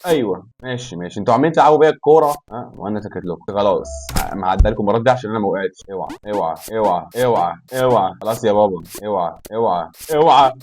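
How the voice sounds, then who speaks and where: A young man with an Egyptian accent giving excitable let's play commentary, talking to himself and the game and yelling in frustration. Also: lowish voice, racing, hardly any pauses, a little hiss or hum. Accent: Egyptian Arabic. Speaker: gaming YouTuber.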